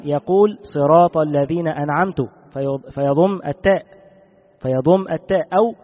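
Male religious teacher, slightly high voice, measured, repeats rulings, long reverb. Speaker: Islamic law teacher. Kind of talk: classical text lesson. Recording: dull recording with long reverb.

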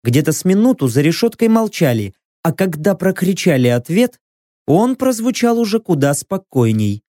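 A woman reading an audiobook with expressive, scripted narration. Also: lowish voice, dry recording, clean studio sound. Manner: expressive, slow. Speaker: audiobook reader.

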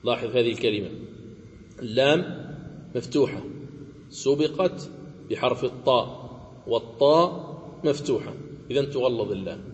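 A man teaching the rules of Quran recitation, explaining each rule step by step and chanting the example words slowly. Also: mid-range voice, big-room sound. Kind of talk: tajweed lesson with chanted examples.

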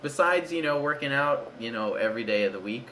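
A man's voice: mid-range voice, lively intonation, brisk, a bit bright. Male host, eager straight man in a sketch, giggly; faint background noise. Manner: laughs often, plays the eager straight man. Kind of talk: casual comedy sketch.

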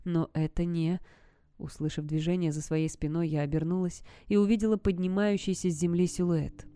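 A woman's voice: on the low side, steady tone, brisk, warm tone, clean tone. Woman reading a suspenseful audiobook. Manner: tense, suspenseful storytelling. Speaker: audiobook narrator. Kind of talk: first-person dramatic audiobook reading.

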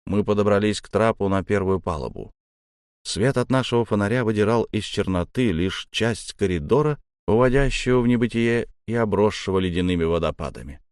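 Low-voiced man narrating an audiobook. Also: animated, a little fast, darkish tone, smooth, no room sound, clean studio sound. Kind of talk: first-person audiobook narration.

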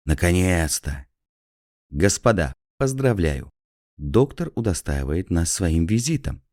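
A man voicing an agitated male asylum patient who shouts bitter accusations. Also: low-pitched, big pitch swings, slow, no room sound, clean studio sound, heavily acted. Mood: furious.

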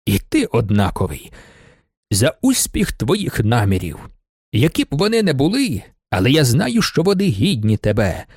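A man's voice: medium pitch, wildly swooping pitch, normal speed, a little mellow, husky, no room sound, clean studio sound, heavily acted. A man doing an earnest old shopkeeper. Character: old male shop clerk, loyal friend.

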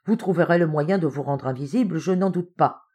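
A woman doing an excitable triumphant young man. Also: a little high, a little fast, breathy edge. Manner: eager, insistent and rhetorical. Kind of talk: audiobook character reading.

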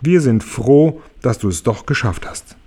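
A man's voice: mid-range voice, animated, measured pace, dark tone, slightly rough. A man voicing a friendly, welcoming giant grasshopper in a storybook reading. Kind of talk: audiobook character voice.

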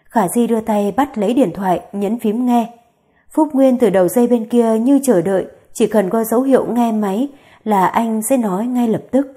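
Mellow woman narrating a story. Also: on the high side, normal speed.

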